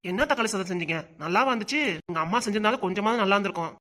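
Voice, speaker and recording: A woman's voice: mid-range voice, very fast, bright, forceful tone, voice pushed down, lightly acted. A woman voicing a cheeky young boy, the grandson, who talks back in a cartoon. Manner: sassy and talking back.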